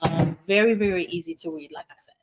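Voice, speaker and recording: A woman's voice: fairly low pitch, fast, very noisy. A middle-aged woman from Haiti, a hospital physician, answering interview questions in an earnest, explanatory way with frequent "you know"s. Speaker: guest, internal medicine hospitalist.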